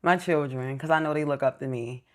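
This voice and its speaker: A woman in her thirties talks casually as a guest, earnest and reflective. Her voice sits a little low. She lays out her thinking step by step. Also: brisk. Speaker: entrepreneur guest. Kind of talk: casual interview chat.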